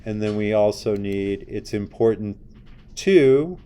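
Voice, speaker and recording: Teaching design, a man speaks slowly in a lowish voice that is mellow and smooth, with lively intonation. He chats casually during the classroom lecture and screen demo, questioning his students as he goes.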